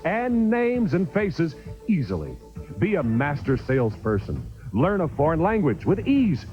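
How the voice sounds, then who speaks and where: A man's voice: a little high, darkish tone. A man reading a scripted hard-sell infomercial narration with an emphatic, urging sales delivery. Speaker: infomercial announcer. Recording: dull 1990s TV audio, music behind.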